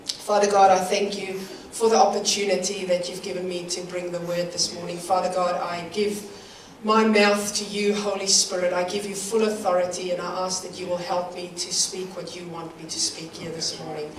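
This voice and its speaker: Recorded from a distance in a spacious church hall, a guest preacher gives a somewhat nervous sermon, breaking up her phrases with small laughs. She is a middle-aged South African woman with a matching accent, and her fairly low voice moves little in pitch at a moderate pace. Slight background noise is present.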